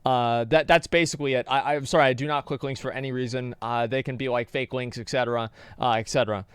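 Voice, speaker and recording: A male streamer chatting casually and reading out donations, rambling and restarting his words as he goes. He talks fast with a smooth, clear voice. The sound is dry and close. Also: medium pitch, steady tone, no room sound. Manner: rambling, hesitant, repeats words.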